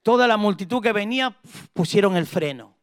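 A man's voice: high-pitched, lively intonation, brisk, no room sound, clean studio sound. A man pastor delivering a sermon, telling a story and then leading the congregation in fervent prayer. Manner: fervent preaching, builds to emphatic prayer.

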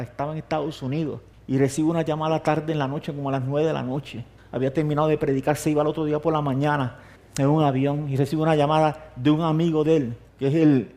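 A man's voice: mid-range voice, mellow. Man preaching with storytelling emphasis. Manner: storytelling, acting out dialogue with rising emphatic peaks. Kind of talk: sermon.

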